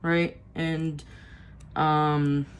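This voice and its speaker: A woman's voice: deep voice, level tone, extremely slow, clean tone. A young adult woman giving a tarot reading, talking candidly, swearing freely and filling her speech with restarts and "you know," then reading aloud from her notes. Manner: reads aloud from notes between asides. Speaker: tarot reader. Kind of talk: casual spiritual reading.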